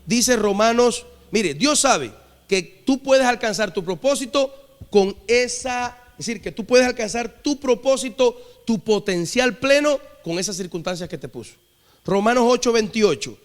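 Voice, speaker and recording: A man's voice: very high voice, animated, a little slow. A man preaching a sermon, leading the congregation in repeated call-and-response phrases. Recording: long hall reverb.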